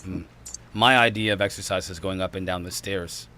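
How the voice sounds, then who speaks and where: A man in his thirties hosting a podcast, chatting casually with quick, excitable exclamations. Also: low voice, slight background noise. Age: 30s. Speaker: podcast host. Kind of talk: casual chat.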